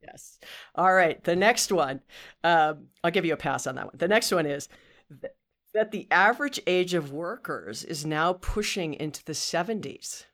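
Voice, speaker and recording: A woman's voice: lowish voice, expressive, moderate pace, a bit bright. Upbeat woman in her fifties hosting. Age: 50s. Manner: upbeat, leans on "you know" and restarts. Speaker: podcast host. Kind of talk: conversational podcast interview.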